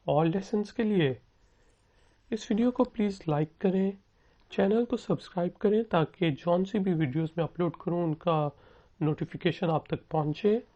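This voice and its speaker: A man teaching a spoken English lesson, saying each phrase slowly and clearly so learners can repeat after him. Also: high-pitched, lo-fi sound.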